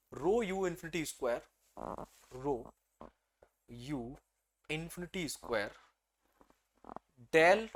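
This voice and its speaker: This engineering exam-prep lecture comes from a male teacher whose pitch is on the high side. Addressing students as "beta," he questions and answers himself, with energetic shifts into loud excitement.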